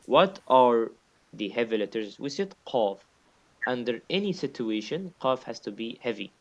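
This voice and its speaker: A man's voice: medium pitch, very animated, moderate pace, muffled recording, a little hiss or hum. A man teaching recitation in a one-on-one lesson, patiently repeating his points and sounding out examples himself.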